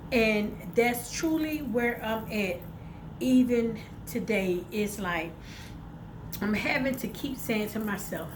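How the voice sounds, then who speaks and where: A woman vlogging from home by a window speaks in a medium-pitched, congested voice, stuffed up from her sinuses. She's chatty and informal, calling her viewers "y'all" and using lots of fillers as she gives a casual motivational talk. Background noise is audible.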